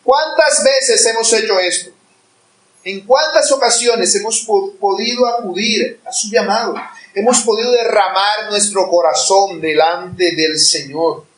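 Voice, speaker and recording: In an echoey church hall, a man preaches a sermon, his voice high and a bit bright and sitting far from the mic. He is earnest throughout and at times rises to impassioned pleading.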